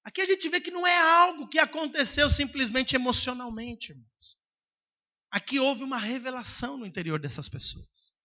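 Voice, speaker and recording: High, bright-voiced male pastor preaching. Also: moderate pace, highs cut off. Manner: emphatic preaching, bursts into shouting. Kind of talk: sermon.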